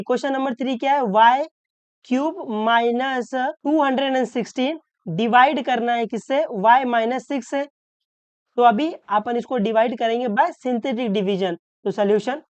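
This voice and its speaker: A woman maths tutor from Maharashtra explains a problem step by step, often checking that the students follow and slowing down to stress each rule. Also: a little high, a little mellow, dry recording, lo-fi sound. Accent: Hindi-English mix, Maharashtra. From Maharashtra, India. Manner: checks understanding with repeated questions; slows down to stress key rules.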